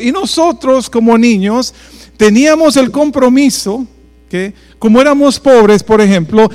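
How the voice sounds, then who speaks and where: A fairly high-pitched male pastor, telling stories and speaking straight to his congregation. His voice rings out in a church hall with long reverb trailing behind each phrase, and a faint electrical hum runs underneath. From Dominican Republic. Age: 40s. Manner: storytelling, addresses congregation directly. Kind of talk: bilingual church sermon with personal stories.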